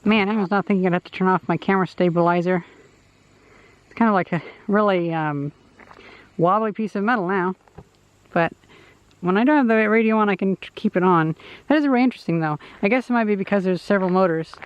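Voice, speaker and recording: A vlogger muses freely while trying out gear outdoors beside a road, speaking a little fast in a clear, resonant, medium-pitched voice. Faint background noise sits under dull-sounding audio.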